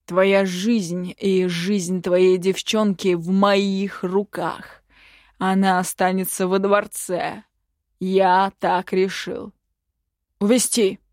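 A woman voicing a domineering, cruel male emperor who gives slow, loud, imperious commands. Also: medium pitch, flat delivery, no room sound, clean studio sound.

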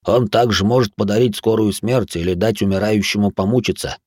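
A man puts on a nervous, superstitious raccoon spirit who hisses warnings in a fearful tone. The voice is raised above his usual low register and sounds dry and close. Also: a little fast, darkish tone, slightly rough, dry recording.

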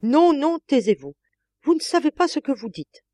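Woman reading as a weepy abandoned lady, pleading, moaning, swooping pitch, dry close sound. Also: expressive, unhurried, mellow, dry recording. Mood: alarmed. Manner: pleading, moaning, breaking into sobs. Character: lovelorn, tearful wealthy lady of the house. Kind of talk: audiobook character voice.

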